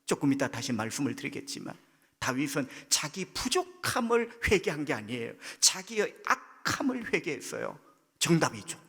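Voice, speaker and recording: Lively Korean pastor preaching in a hall. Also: male voice, moderate pace, slightly rough. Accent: Gyeongsang. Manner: preaching with dramatic pitch leaps and quoted voices. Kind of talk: sermon. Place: church sanctuary. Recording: long church hall reverb.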